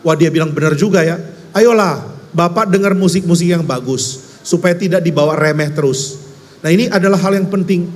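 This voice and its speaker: A man from Indonesia preaching a conversational sermon, telling stories in a lively, wry, emphatic way. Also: fairly high pitch, a little fast. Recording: long hall reverb.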